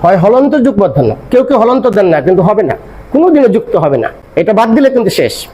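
A man's voice: high-pitched, big pitch swings, fast, warm tone. An older man explaining grammar step by step, asking questions and then answering them himself. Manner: explanatory, asks and answers his own questions. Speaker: grammar teacher. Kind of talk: classroom-style grammar lesson.

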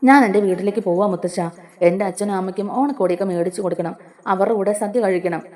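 A woman's voice: mid-range voice, fast talker, darkish tone, close to an everyday voice. A woman voicing a scheming young wife. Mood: hurt defiant. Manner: plaintive, then sneering complaints. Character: young wife, tearful yet scheming and spiteful.

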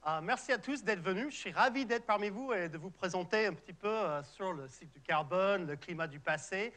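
A middle-aged Canadian man, a native English speaker with an English-Canadian accent, gives a popular science lecture in a large auditorium as a researcher. His voice sits high, brisk and sharp-toned, and he explains patiently with many fillers and restarts.

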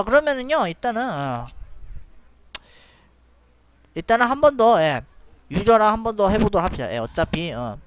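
Live gameplay commentary from a chatty man who thinks aloud about his card-game moves and laughs often with his viewers. He has a high voice, and a little hiss or hum sits on the recording.

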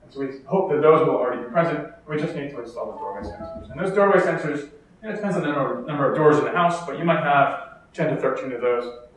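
A man's voice: fairly high pitch, lively intonation, fast, a little hiss or hum. A man with an American accent giving a conference keynote lecture, explaining steadily with the odd filler and restart. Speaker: keynote speaker. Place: lecture hall. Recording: echoey hall, distant mic.

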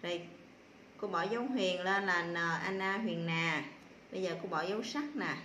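A woman primary school teacher giving a slow spelling lesson to young children, patiently sounding out syllables one by one with filler pauses. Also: on the low side, a bit bright, echoey room, a little hiss or hum.

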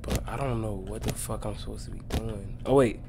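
A man's voice: fairly low pitch, fairly even intonation, fairly quick. Scared young man streaming a horror game, noisy background. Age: young adult. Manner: slangy, profane. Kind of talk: casual horror game playthrough commentary. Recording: clear game ambience noise behind.

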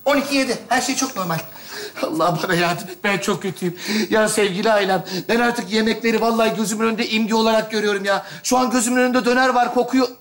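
An actor playing a desperate fasting son in a stage comedy sketch, frantic and whiny. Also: male voice, high-pitched, fairly bright tone. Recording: roomy stage sound.

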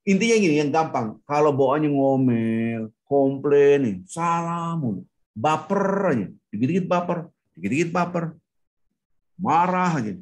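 A man giving a casual, joking Islamic lecture over a video call, acting out the people he quotes. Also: normal speed. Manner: lively, jokey, acts out quoted people with sharp pitch jumps. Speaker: ustadz, religious teacher.

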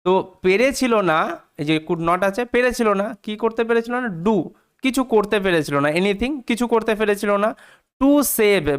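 A man takes an English passage apart phrase by phrase, patient and methodical. His voice sits high, with a smooth, clear tone. He keeps checking that his students follow, and spells tricky words out letter by letter. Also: a bit bright. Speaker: English teacher. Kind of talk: explaining English sentences line by line.

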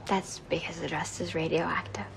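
A woman's voice: mid-range voice, expressive, slight background noise, natural voice. Wry, flustered young American woman acting. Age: young adult. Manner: wry, halting, rambling. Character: flustered, quippy young female vampire slayer. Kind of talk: television drama acting.

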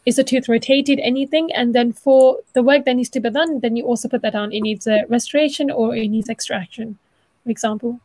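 On a video call from a small home room, a young adult student walks classmates through dental anatomy in a chatty, encouraging way, often rephrasing. Her voice sits on the high side with a darkish tone, steady and fairly quick, with no echo.

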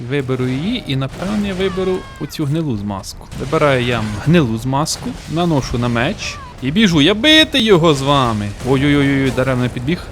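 A man giving playful let's play commentary as a gaming YouTuber, often breaking into excited yelling. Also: medium pitch.

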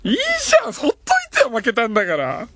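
Radio host, male, bright high voice with a big swinging range, playful grumbling, casual studio chat. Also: sing-song, quick pace, background noise. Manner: joking, laughs often, complains playfully.

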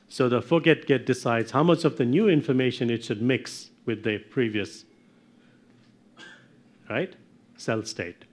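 A middle-aged man giving a technical lecture from slides, often checking in with "okay?" and clearing his throat. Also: mid-range voice. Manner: explanatory, checks in with frequent "okay?". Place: darkened lecture room with projector screen.

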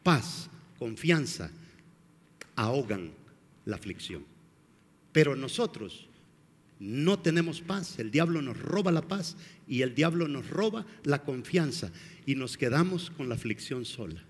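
A man's voice: medium pitch, very animated, measured pace, in a large hall. A male pastor preaching a dramatic sermon, firing rhetorical questions at the congregation.

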